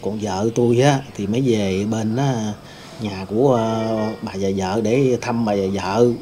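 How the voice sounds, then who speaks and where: Casting note: a man as a grieving young male ghost, mellow voice, rambling telling. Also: lowish voice, a little slow, slight background noise, natural voice. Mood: sorrowful. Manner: rambling storytelling, many fillers. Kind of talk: staged ghost-hunting role-play.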